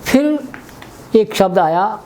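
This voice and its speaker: A man giving a webinar lesson on pronunciation, spelling out letters one by one as he writes them and explaining each step deliberately. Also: high-pitched, lively intonation, darkish tone. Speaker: Hindi language teacher.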